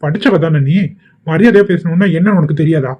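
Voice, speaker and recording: A man's voice: fairly high pitch, fairly quick, muffled recording, lightly acted. A man voicing a defiant, hot-tempered young husband in a cartoon, speaking in a stern, warning tone.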